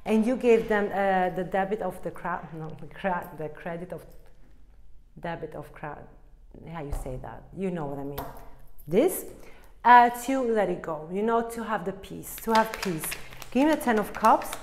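A woman's voice: lowish voice, animated, normal speed, darkish tone, a little hiss or hum. Woman, tarot reader, casual, rambling, searches for words, laughs at herself.

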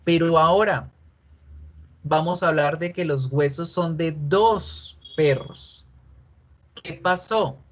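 Slow, patient male teacher. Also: on the high side, a bit bright. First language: Spanish. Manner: patient, repeats and asks students questions. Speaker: English teacher. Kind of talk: online class explanation.

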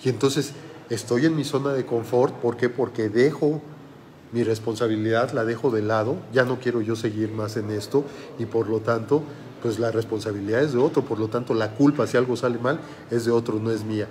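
A man's voice: mid-range voice, fairly even intonation, fairly quick, darkish tone, slight background noise. A man giving a motivational talk as a life coach, firing rhetorical questions at the listener and repeating phrases for emphasis. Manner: asks rhetorical questions and addresses the listener directly.

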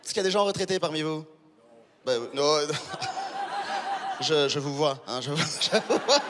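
His voice is a little high and his pace normal as he performs stand-up in a large hall, with background noise around him. The Rwandan-born comic, in his thirties, uses a handheld mic on the theatre stage and keeps things punchy, chatty and teasing toward the crowd.

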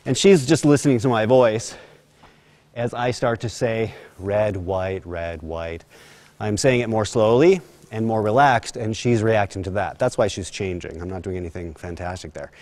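A man's voice: on the low side, steady tone, normal speed, a little mellow. A man horse trainer giving hands-on instruction in a horse arena, chanting rhythmic counts while he explains, with light self-deprecating asides.

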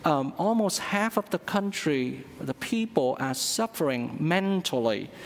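A middle-aged man, a priest, giving a sermon at the altar with a slow, halting delivery full of fillers. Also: a little high, lively intonation. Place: large church sanctuary at the altar. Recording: long church reverb.

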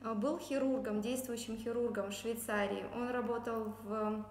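Higher-pitched woman interviewer in an echoey room. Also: steady tone, moderate pace, darkish tone. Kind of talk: conversational interview hosting. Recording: echoey room with faint background noise.

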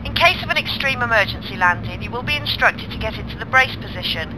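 A woman voicing a flight attendant, reading a formal, measured cabin safety announcement in a game recording. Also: a little high, animated, background noise, close to an everyday voice. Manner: measured, formal, evenly paced. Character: adult female flight attendant, calm and courteous.

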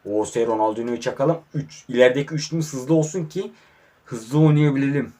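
Commentating briskly on his online football match, a young man speaks directly to the players on screen, his delivery swinging between low mutters and excited shouts.

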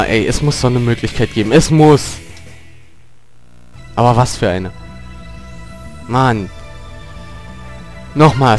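A man commenting on his own gameplay, grumbling and cursing at the game, with loud yelps and outbursts whenever he gets hit. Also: medium pitch. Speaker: let's player. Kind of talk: gaming commentary.

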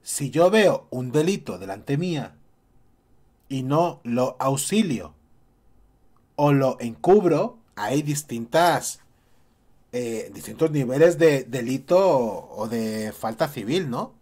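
A man's voice: medium pitch, expressive, slow pace, darkish tone. A man, ranting as a YouTube commentator, indignant and repeating his points. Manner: indignant, repeats points and mocks others in quotes. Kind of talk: opinion rant to camera.

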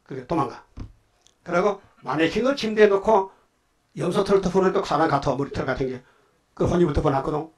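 Male pastor, slightly high voice, folksy storytelling sermon, quick prodding questions, loud bursts and quiet asides. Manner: colloquial storytelling preaching, prodding the congregation with "예?"; swings between loud outbursts and quiet asides. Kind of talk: Sunday afternoon sermon.

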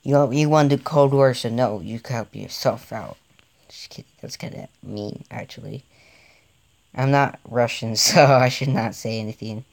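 A young man giving rambling, easily excited, jokey commentary over his own tank game session, recorded on a home mic. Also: medium pitch, moderate pace, vocal fry. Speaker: gaming channel host.

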